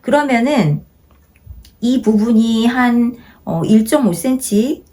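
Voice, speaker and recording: A woman teaching a haegeum lesson, patiently repeating each instruction and slowing down to demonstrate. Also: a little high, animated, mellow. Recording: noisy home-video recording.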